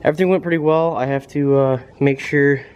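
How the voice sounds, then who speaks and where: A man's voice: a little high, steady tone, brisk, darkish tone, smooth, poor audio. A young man casually talking through his car work in a rambling, laid-back way with lots of fillers. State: out of breath. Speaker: car vlogger. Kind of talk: casual garage vlog. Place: garage by a car, then outdoors in wind.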